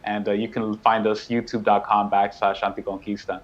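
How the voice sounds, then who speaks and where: A man of about thirty from New York speaks as an interview guest, earnest and quick in his explanations. His voice sits low and stays level, with little rise and fall. The sound comes through a slightly muffled remote call. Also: little pitch movement. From New York, United States. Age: around 30. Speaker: guest, co-founder of a media collective. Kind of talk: casual interview talk.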